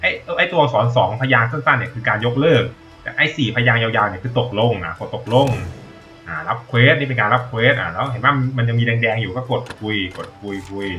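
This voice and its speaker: A man's voice: mid-range voice, animated, fast talker, pushed and bright, muffled recording, faint music behind. A man giving casual, rambling gameplay commentary as a tutorial streamer, thinking aloud and swearing now and then.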